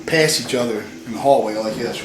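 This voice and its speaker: A man's voice: medium pitch, brisk. A man guiding a tour of an old house, telling ghost stories in a loose, chatty way and swearing freely. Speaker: guide at a historic house. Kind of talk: casual storytelling on a ghost tour. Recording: echoey room, distant mic, noisy.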